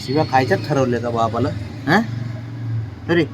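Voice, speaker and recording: A young man outdoors talking to his pet cat in doting baby talk, coaxing it along and scolding it gently. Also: medium pitch, normal speed, background noise. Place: outdoors, in sun and shade.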